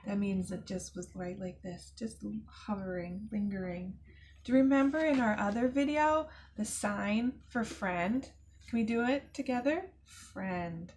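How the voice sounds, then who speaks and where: Slow, expressive storytime reader woman. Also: medium pitch, a little hiss or hum. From United States. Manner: slow, expressive reading with asides to kids. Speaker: zoo educator. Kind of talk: children's storytime read-aloud.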